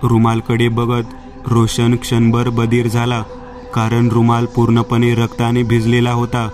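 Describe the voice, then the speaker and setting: Male horror narrator, slow and steady, extremely flat delivery. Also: mid-range voice, noisy background. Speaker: horror storyteller.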